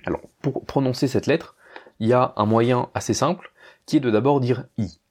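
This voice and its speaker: Man teaching slow pronunciation drills. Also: medium pitch, a little mellow. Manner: slow, careful, repeats words for the listener; informal, addresses listener as tu. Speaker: language teacher. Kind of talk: pronunciation lesson.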